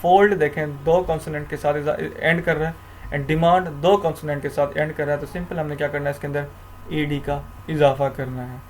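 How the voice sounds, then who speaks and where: A teacher gives a grammar lecture in mixed Hindi and English, walking through the rules step by step while often repeating and restarting himself. His voice sits a little high and comes out flat and slightly quick, with a faint hiss or hum in the background.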